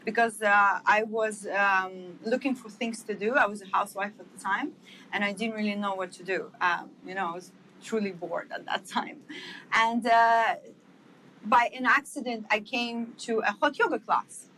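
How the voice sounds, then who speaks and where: Bright-voiced woman from Estonia. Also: mid-range voice, steady tone, normal speed, a little hiss or hum, poor audio. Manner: eager, rambling, with many fillers. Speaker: guest, wellness entrepreneur. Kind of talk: casual interview storytelling.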